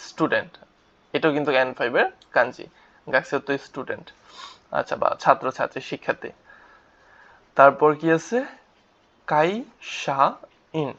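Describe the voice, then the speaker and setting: A man's voice: a little high, a bit bright. A man teaching vocabulary in a lesson, spelling out syllables and asking and answering his own questions. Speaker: Japanese language teacher. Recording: dull lo-fi recording.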